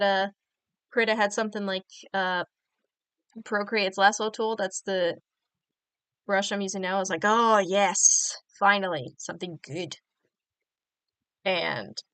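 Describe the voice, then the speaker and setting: A woman's voice: medium pitch, a bit bright, clean tone, no echo. A young woman chatting casually with her stream while drawing, rambling with plenty of fillers. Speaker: livestream host.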